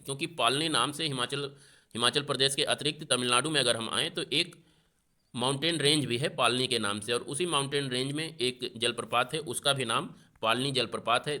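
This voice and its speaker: Bright-voiced male geography tutor. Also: medium pitch. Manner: explanatory, repeats key points for students. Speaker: exam prep teacher. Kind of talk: online geography lesson.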